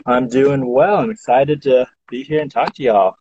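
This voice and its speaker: A man in his thirties, born in China and raised in the US, telling his story as a podcast guest in a candid, relaxed way over a video call. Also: medium pitch, moderate pace, slight background noise. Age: 30s. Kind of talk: casual interview chat. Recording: dull lo-fi video call audio.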